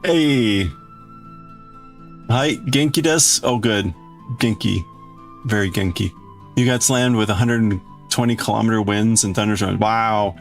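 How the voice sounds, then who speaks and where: A man with a lowish voice hosts a casual livestream, greeting and answering viewers in a rambling, exclamatory way while crafting and reading out viewer chat. He speaks at a measured pace with long pauses, faint music playing behind him.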